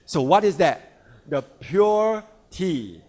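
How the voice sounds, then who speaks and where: A man's voice: high voice, expressive, slow pace, darkish tone. A man presenting products at a seminar, emphatic, often checking "all right?" and repeating key words. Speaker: sales leader presenting products. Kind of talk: product seminar talk to a live audience. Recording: long hall reverb.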